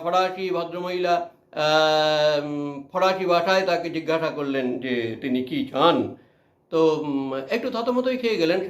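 A man's voice: high voice, fairly bright tone, reverberant. A man teaching a literature class, reading a passage aloud and then explaining it line by line with frequent fillers. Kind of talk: line-by-line text explanation lesson.

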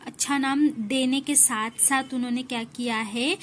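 A woman's voice: high-pitched, fairly even intonation, a little slow, a bit bright. A woman schoolteacher explaining a reading lesson to children, asking questions and answering them herself, with faint background hiss. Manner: asks questions and answers them herself, repeats key lines. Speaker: school teacher.

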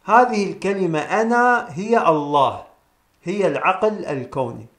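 A man presenting a solemn spiritual teaching, repeating key phrases slowly for emphasis and addressing his listeners as brothers and sisters. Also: high voice, lively intonation, a bit bright. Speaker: presenter of a spiritual self-help series. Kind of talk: solemn metaphysical teaching monologue. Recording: echoey room sound.

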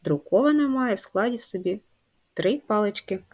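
A woman's voice: mid-range voice, animated, normal speed, a little mellow. A woman teacher giving a first-grade handwriting lesson, patient and instructive, spelling out letters and sounds one by one. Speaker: primary school teacher.

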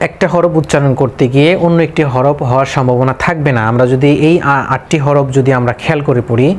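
Man drilling Quran letters slowly. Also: mid-range voice, steady tone. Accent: Bangladeshi Bengali. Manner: slow, drilling letter by letter with repetition. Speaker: Quran recitation teacher. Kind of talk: tajweed lesson.

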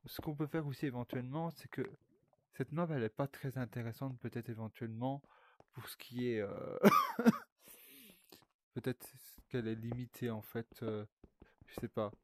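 A man's voice: medium pitch, normal speed, long pauses, mellow. A young man, rambling casually to his viewers while playing a VR game, swearing often. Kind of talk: casual gaming commentary.

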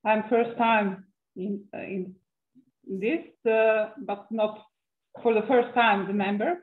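A middle-aged woman with a Serbian accent speaks haltingly and off the cuff as a participant in an online meeting. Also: mid-range voice, steady tone. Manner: halting, hesitant phrasing. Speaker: webinar participant from a cultural heritage institution. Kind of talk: spontaneous question in an online meeting. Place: office room with ceiling lights. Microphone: computer mic on a video call. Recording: muffled, phone-like video call audio.

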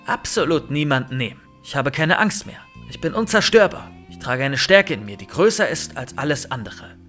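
A man reading a first-person horror story aloud in an expressive, lively storytelling manner. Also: on the high side. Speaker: narrator. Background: faint music.

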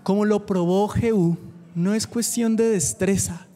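A man preaching a sermon at a church youth meeting, fervent and dropping quick humorous asides. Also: high voice, steady tone, warm tone.

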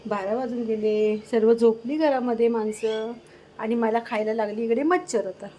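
A woman's voice: on the high side, fairly even intonation, moderate pace, mellow, a little hiss or hum, rough recording. A woman fussing over her cat and talking to it, in a casual home vlog at night. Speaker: vlogger caring for a pregnant cat.

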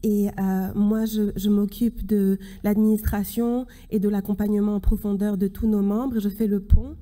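A woman in her thirties giving a closing conference speech from a podium, earnest and halting, with many restarts. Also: medium pitch, level tone, dark tone. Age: 30s. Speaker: keynote speaker. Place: large conference hall stage at a podium. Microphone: podium microphone.

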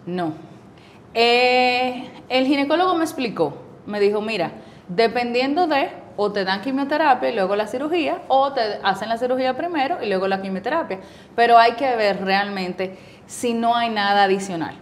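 A woman in her forties with a Dominican accent and a slightly high voice tells her story in a relaxed studio interview. She acts out the people she quotes with lively energy. A faint noise runs underneath. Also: normal speed. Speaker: guest, cancer survivor. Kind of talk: casual interview conversation.

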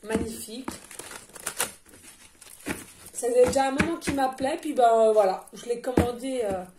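A woman medium giving a spiritual card reading, gentle and repetitive, often checking in with "d'accord?". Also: on the high side, normal speed, noisy background. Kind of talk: spoken spiritual guidance reading. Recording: echoey room.

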